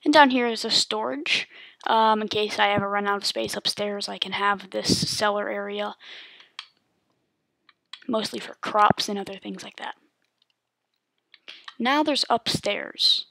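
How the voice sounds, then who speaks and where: A woman's voice: medium pitch, a little slow, creaky, long pauses, no room sound. A woman giving a casual, rambling voice-over tour of her game world, with lots of ums and likes. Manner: relaxed, rambling with many ums.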